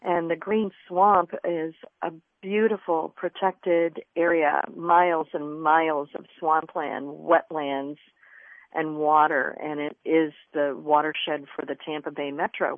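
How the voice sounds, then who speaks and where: A woman's voice: low-pitched, no echo. A woman from Florida, a journalist and environmentalist, explaining earnestly as a radio interview guest over the phone. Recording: tinny phone line.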